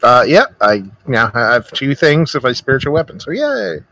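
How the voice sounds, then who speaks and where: A man playing in an online tabletop game, talking slowly and deliberately. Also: medium pitch, very animated, vocal fry, bright, forceful tone, no echo, poor audio. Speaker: player. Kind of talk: casual tabletop play over voice chat.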